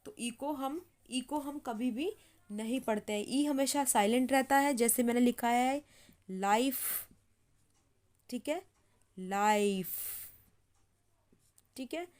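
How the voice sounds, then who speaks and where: A woman teaching English pronunciation in Hindi, repeating each word slowly as she writes it and checking in with "ठीक है" again and again. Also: fairly high pitch, darkish tone. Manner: repeats words slowly while writing, says "ठीक है" often. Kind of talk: slow explanatory lesson.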